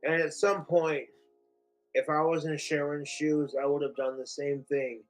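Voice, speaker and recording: A man's voice: on the high side, level tone, soft background music, poor audio. A man streaming, ranting in a casual, profane way. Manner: profane, slow-paced ranting.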